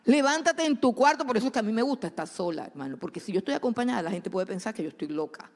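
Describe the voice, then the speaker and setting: A woman preaching a sermon, swinging between loud exhortation and hushed asides. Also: on the high side, animated, very fast. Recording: long hall reverb.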